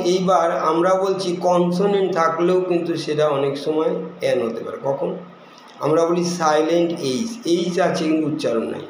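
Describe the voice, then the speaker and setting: Male teacher, high-pitched, methodical, example after example; room echoes heavily. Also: a little mellow. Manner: explains rules step by step with many examples; reads English examples slowly and deliberately. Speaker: English teacher. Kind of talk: spoken English lesson. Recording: very echoey room with faint noise.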